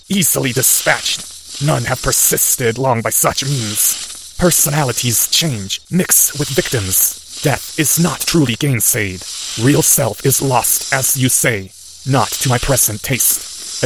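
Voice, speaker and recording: A man doing Professor Quirrell, slow and cold. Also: medium pitch, voice pushed up, close to an everyday voice. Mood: cold, measured. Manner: slow, hissing, broken clipped grammar. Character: dying male professor turned snake, cold and clipped.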